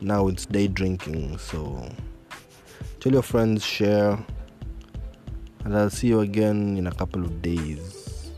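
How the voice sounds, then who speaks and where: A young Kenyan man telling a rowdy, swear-heavy story on his podcast, slipping into Swahili mid-sentence. His voice is mellow and dark. Faint music plays underneath. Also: on the low side. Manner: animated, swearing, switching into Swahili. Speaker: podcast host. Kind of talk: profane storytelling monologue.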